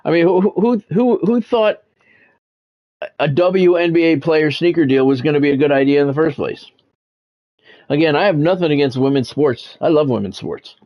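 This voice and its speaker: On a lo-fi recording, a man with a somewhat high voice speaks at normal speed while streaming a game. As a play-by-play announcer, he mixes sportscast touches into casual, conversational commentary and thinks aloud.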